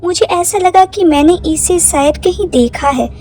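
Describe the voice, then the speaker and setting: A woman's voice: very high voice, normal speed, slight background noise. A young woman narrating a first-person cartoon horror story, jumpy and full of exclamations. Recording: loud background music.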